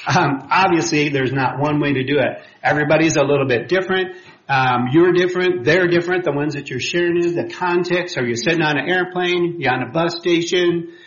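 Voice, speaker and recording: A man teaching a church class on sharing faith, talking conversationally with many fillers and quick apologies when he slips. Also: a little high, fairly bright tone. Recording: roomy, dull lo-fi room recording.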